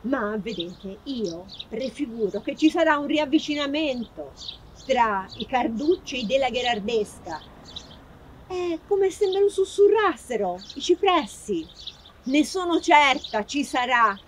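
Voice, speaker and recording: A woman's voice: high voice, sing-song, a little hiss or hum. An actress playing a gracious noble lady from a castle who admires a poet. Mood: admiring. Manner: gracious, slow, reciting poetry with feeling. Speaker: actress in a short film. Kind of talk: amateur theatre acting.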